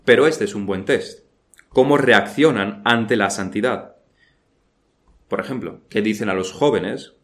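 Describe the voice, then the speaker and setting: A man's voice: on the low side, a little slow. A man preaching a sermon in an earnest, firm way, asking many rhetorical questions.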